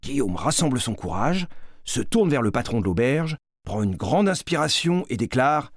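A man narrating a storybook in an expressive, varied way with a husky voice. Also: medium pitch, moderate pace, no echo, clean studio sound.

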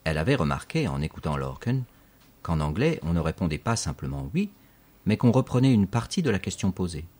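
A man narrating an audiobook in a steady, clear reading voice. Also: deep voice, a little fast.

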